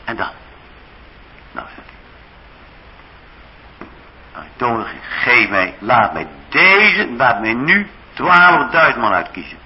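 A pastor with a Dutch accent preaches a sermon in a church, dramatically acting out the speech of biblical figures. His mid-range voice is sing-song and slow, with long pauses, and the audio is dull with slight background noise.

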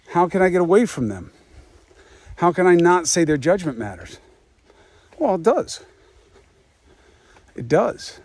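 Out on a walk, a man in his fifties who hosts a podcast reflects aloud and poses rhetorical questions. He speaks a little high, with a darkish, husky tone, and the recording has no echo.

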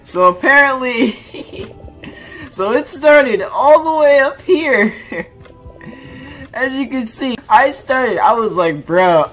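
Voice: mid-range voice, a bit bright. A young adult gaming streamer reading chat messages aloud in casual, slangy commentary, often breaking into laughter.

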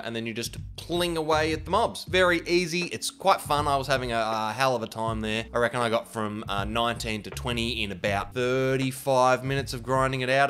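A man's voice: fairly low pitch, bright, forceful tone. A man, nasal and stuffed up from being sick. He talks through a game guide in a chatty, rambling, self-deprecating way. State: sick with a cold. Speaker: gaming video host. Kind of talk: casual game guide commentary.

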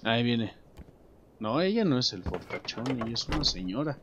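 A young man with a Mexican accent giving joking, animated let's play commentary, talking to himself and his viewers as he plays. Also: mid-range voice, moderate pace, muffled recording, noisy background. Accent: Mexican Spanish. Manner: animated, jokey, talks to himself and viewers while playing. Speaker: gameplay commentator. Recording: background game music.

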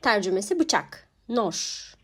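A young woman teaching a language alphabet lesson, pronouncing each word slowly and repeating it twice. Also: medium pitch, big pitch swings, husky. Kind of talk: slow spoken alphabet lesson.

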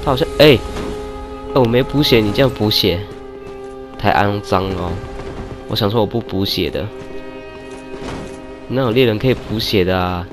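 A lower-pitched man talks through his gameplay in a casual let's-play style. He jokes with enemies and bursts out in loud groans at every setback. Game music plays clearly behind him. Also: normal speed, long pauses. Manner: excitable, shouts and groans at deaths, teasing banter with enemies. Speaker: gaming YouTuber.

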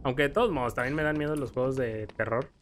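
Speaking fast at a medium pitch with slight background noise, a young man with a Mexican accent tells stories over gameplay and game music. His casual commentary rambles and stammers, and he acts out quotes in a scared voice.

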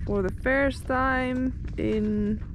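Unhurried, cheerful woman on a boat. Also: high voice, fairly even intonation. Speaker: sailing vlogger. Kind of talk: casual vlog narration. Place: outdoors on a small boat and in a small cabin. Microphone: action camera at arm's length. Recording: clear wind and water noise.

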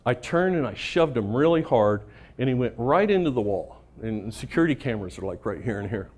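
A man's voice: mid-range voice, expressive, fairly quick, darkish tone. A middle-aged man giving a casual conference talk, telling anecdotes in a profane, self-amused way and often checking in with "right?". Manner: casual, profane, laughs at his own stories, keeps tagging "right?". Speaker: conference speaker. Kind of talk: storytelling talk to a live audience.

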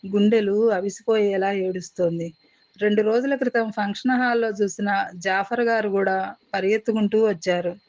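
A woman narrating a short story as an audiobook, reading in a measured, expressive way and voicing the characters' lines. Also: medium pitch, highs cut off.

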